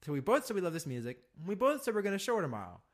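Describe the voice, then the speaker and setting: This young adult man's voice sits high, and he talks in a rapid-fire, very animated way. Co-hosting a podcast, he rambles through a long, profane story with plenty of fillers in a laid-back manner.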